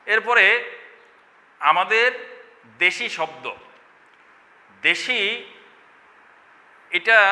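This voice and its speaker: A man's voice: a little high, sharp tone, long reverb tail. A middle-aged man teaching an online language class, explaining points and answering his own questions. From Bangladesh. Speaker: Bengali teacher.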